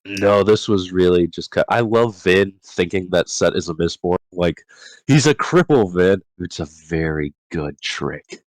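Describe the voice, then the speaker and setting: A man's voice: sits low, fairly even intonation, a little slow, no echo, low-quality recording. A man hosting a casual book discussion, reading chapter summaries from his notes and often stumbling and correcting himself.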